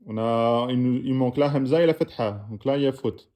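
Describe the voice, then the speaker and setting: A man's voice: mid-range voice, brisk, mellow. A man teaching the Arabic alphabet, patiently correcting written exercises and spelling out each letter and vowel aloud. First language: French-speaking audience.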